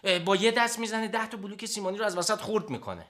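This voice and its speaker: A sly, teasing doctor colleague with a fairly high voice. He needles his friend in a dry, mocking tone, as in a TV sitcom. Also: bright, forceful tone.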